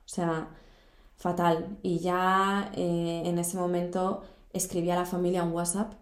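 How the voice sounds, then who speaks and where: A woman's voice: on the low side, level tone, unhurried. Young woman, echoey room. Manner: earnest, emphatic, repeats words for stress. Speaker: guest recounting backpacking travels. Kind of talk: casual storytelling chat. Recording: roomy echo.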